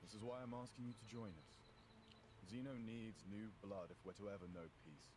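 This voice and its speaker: An actor playing a brisk, commanding and persuasive conscription officer in a video game. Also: male voice, lowish voice, background noise, natural voice. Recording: game music behind the voice.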